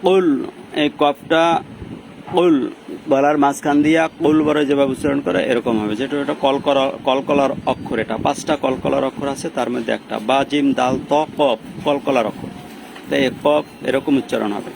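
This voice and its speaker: A gravelly-voiced man gives a slow, patient pronunciation lesson, breaking words into sounds and chanting them drawn out. He is recorded outdoors, with street and traffic noise clearly audible behind him. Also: mid-range voice, fairly even intonation. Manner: drawn-out chanted recitation between patient explanations. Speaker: Quran recitation teacher.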